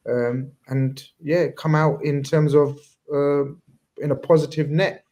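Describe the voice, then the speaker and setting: A man's voice: a little high, steady tone, takes it slowly, a little mellow. Rambling man hosting a chat. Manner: rambling, many restarts, slangy. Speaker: podcast host. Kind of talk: casual chat.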